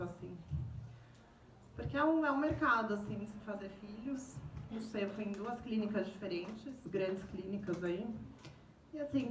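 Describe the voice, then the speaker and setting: A woman from Brazil shares a personal testimony of faith in an earnest, storytelling way, often quoting her own words back. Her voice sits at an ordinary pitch for a woman. She sounds set back from the microphone in a reverberant room, with faint ambience behind her. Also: slight background noise. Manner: earnest, retelling dialogue with many "I said". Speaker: testimony speaker. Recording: echoey room, recorded from a distance.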